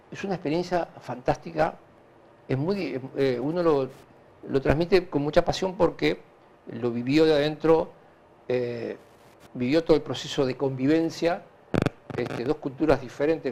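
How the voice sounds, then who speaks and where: A man with a Uruguayan Spanish accent answering conversationally in an interview, halting and repeating himself as he recounts anecdotes. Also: medium pitch, creaky. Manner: animated, halting and repetitive, with frequent filler tags. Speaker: interview guest, hospital director.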